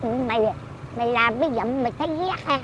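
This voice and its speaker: A woman's voice: fairly high pitch, fast, a bit bright, a little hiss or hum. A woman in her eighties chatting casually outdoors, blunt and teasing as she scolds the person she talks with. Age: 80s. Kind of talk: casual chat.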